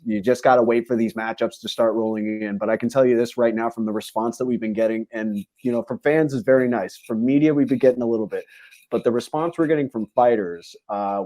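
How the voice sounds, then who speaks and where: A man's voice: on the low side, darkish tone, dry recording. A man from a fight promotion, a podcast guest, talking at length in a casual interview with many fillers. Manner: talkative, rambling with many fillers.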